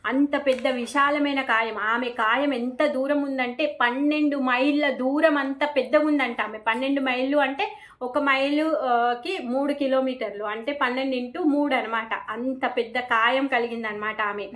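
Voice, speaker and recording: A woman's voice: high-pitched, fairly even intonation, normal speed, a bit bright. A woman retelling a devotional scripture story in a casual way, with frequent fillers and acted-out quotes.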